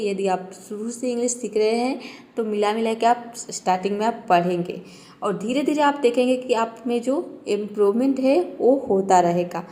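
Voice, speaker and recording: Woman teacher, slightly high voice, patient step-by-step explainer, talks straight to viewers. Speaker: English teacher. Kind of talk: spoken pronunciation lesson.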